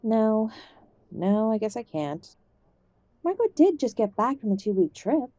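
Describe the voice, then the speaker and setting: This audio-drama mother is elderly, ailing and loving, voiced by a woman whose mellow, soft-edged tone sits a little high and moves in a slightly slow sing-song. The recording is close and dry. She fusses tenderly with pet names, old-fashioned and refusing to give up hope, and comes across fond and proud.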